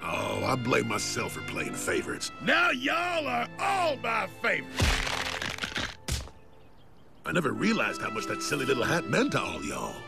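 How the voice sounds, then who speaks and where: A man voicing an excitable, folksy old rancher uncle with a gravelly twang. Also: fairly low pitch, fairly quick, few pauses, heavily acted. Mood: relieved. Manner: exclamatory, folksy sayings. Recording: loud background music.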